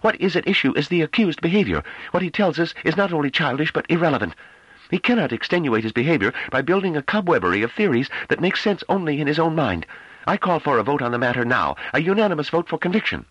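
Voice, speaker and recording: A man reading an audiobook, voicing a cold, contemptuous woman on a ruling council, with sharp, clipped delivery. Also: fairly high pitch, very animated, quick pace, slightly rough, no echo, lo-fi sound, pitched above the performer's own voice, full character voice. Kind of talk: audiobook character voice.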